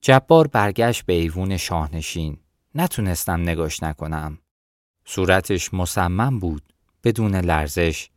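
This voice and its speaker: A man reading a novel aloud in the first person, in a steady storytelling manner. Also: deep voice, no echo, clean studio sound. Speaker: audiobook narrator.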